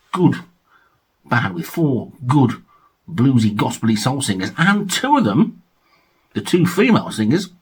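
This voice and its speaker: With a slightly rough, mid-range voice, a man from England talks casually through his vinyl collection on video. He throws in jokey asides and reads the liner notes out loud.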